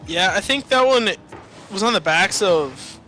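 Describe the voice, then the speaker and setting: Bright-voiced young male color caster. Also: sits high, animated, measured pace, soft background music. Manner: analytical, filler-heavy, laughs easily. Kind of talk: esports color commentary.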